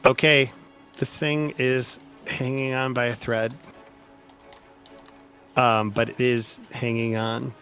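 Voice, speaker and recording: A man acting as game master, calling out damage and describing scenes at a slow, deliberate pace. His voice is bright and clear, with frequent pauses and fillers. Faint music runs underneath. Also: mid-range voice, level tone. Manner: unhurried, hesitant with fillers. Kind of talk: narrating a tabletop game.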